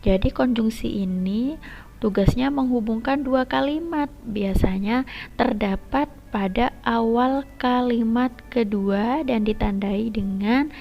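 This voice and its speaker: A woman teacher explaining a lesson step by step and addressing her students directly, her voice often trailing into a soft whisper. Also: fairly high pitch, creaky. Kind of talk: recorded classroom lesson. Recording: lo-fi dull recording.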